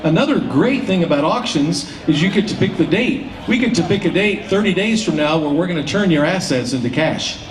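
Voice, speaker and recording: A man with a rather high, lively voice speaks briskly and barely pauses, hosting a public event and explaining things to the crowd in a folksy manner. He works as an auctioneer and event emcee. The audio has a roomy, distant PA quality with faint noise.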